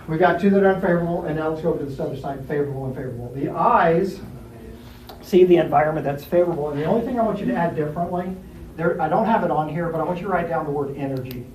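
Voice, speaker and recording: Guy leading a bible study, lively and playful, roomy echo and a bit of room hiss. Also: fairly high pitch. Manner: lively, acts out characters in jumpy put-on voices. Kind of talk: animated classroom teaching. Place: church classroom.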